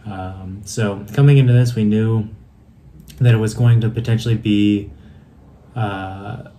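A man in his thirties talks into a phone held at arm's length outdoors on a mountain trail. He speaks in a halting, casual vlog style, full of fillers and restarts, with clear background noise behind him. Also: fairly low pitch, fairly even intonation, mellow. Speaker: hiking vlogger. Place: outdoors on a mountain trail, later indoors in a room.

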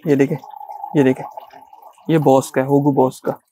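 A middle-aged man with a Pakistani Urdu accent, a shopkeeper giving a sales pitch in a small clothing shop, repeating himself insistently as he shows coats. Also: level tone, normal speed, mellow. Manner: repetitive, insistent salesman patter.

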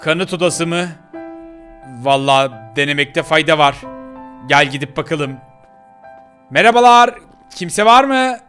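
A man's voice: fairly high pitch, a little slow, pauses often, bright, forceful tone, faint music behind. A man voicing Elif, a bossy young girl. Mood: determined. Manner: bossy, urgent, scolding. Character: brave determined young girl searching for her father. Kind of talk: game role-play voice acting.

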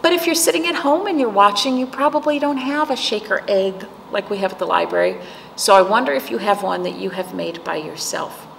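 Seated in front of a patterned wall in a library room, this middle-aged woman runs storytime for kids, reading to them and asking simple questions. She speaks fairly quickly at a medium pitch with a slightly bright tone, and the recording is echoey with noticeable background noise.

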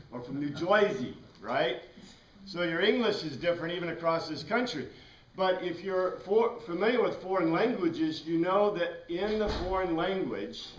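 This middle-aged American man, the class teacher, gives a loose, rambling lecture and throws questions to his students, his voice on the high side. The recording comes from a far camera in a small classroom with a whiteboard and bookshelves, so it's echoey with background noise.

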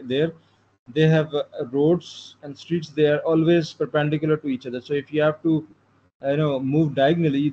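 A man with a slightly high, warm voice patiently lectures on programming during a live online class, using plenty of fillers and restarting his sentences. The recording sounds dull and lo-fi, with faint background noise.

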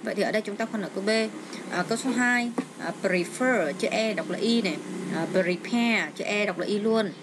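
Speaking fairly quickly in a mid-range voice, a middle-aged woman who teaches English explains an exam step by step. She hesitates often with fillers, recording noisily at home with a child close by.

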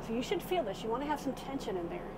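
Inside a small RV, a middle-aged woman fitness instructor gives a casual, informal workout demonstration while exercising, filmed by a camera a few steps away. She talks rapid-fire in a fairly high voice with big pitch swings, and the vehicle interior sound is clearly noisy.

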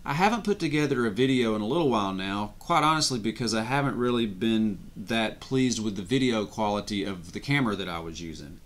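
A man's voice: on the low side, lively intonation, fairly quick, few pauses. A man in his forties vlogging from his home office, chatty and easygoing, with playful asides to his viewers. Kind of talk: casual vlog talk to camera. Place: indoor home office with desk and monitors.

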